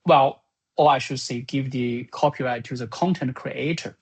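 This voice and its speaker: A software creator gives an informal spoken summary of business plans, thinking aloud in a halting manner. His voice is mid-range and slightly rough.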